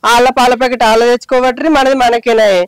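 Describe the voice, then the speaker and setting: A man's voice: extremely high pitch, level tone, rapid-fire, clean tone, dry recording, low-quality recording. A man with a Telangana accent playing a young village wife who fights back against her mother-in-law with curses and complaints. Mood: defiant. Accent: Telangana Telugu. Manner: defiant, cursing, complaining. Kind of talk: village comedy skit acting.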